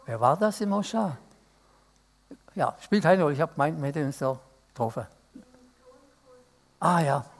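A man's voice: fairly high pitch, lively intonation, normal speed, gravelly, pauses often. A male pastor preaching an interactive sermon and asking the congregation to answer aloud. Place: church service.

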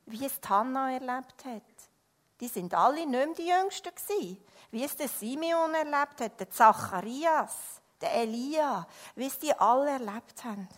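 A woman preaching a sermon earnestly, moving from loud emphasis to hushed words, then praying. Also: high-pitched, expressive, normal speed. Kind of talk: sermon with story reading and prayer.

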